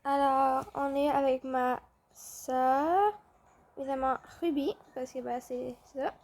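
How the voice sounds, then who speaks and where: High-voiced woman gaming. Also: fairly even intonation, slow, a little mellow. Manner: chatty, with fillers and restarts. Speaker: gaming video host. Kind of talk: casual gameplay commentary.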